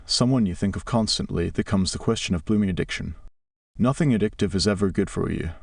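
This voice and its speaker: A man calmly reading a novel in first person, reflective and even as an audiobook narrator. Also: deep voice, creaky, no echo, studio quality, recorded from a distance.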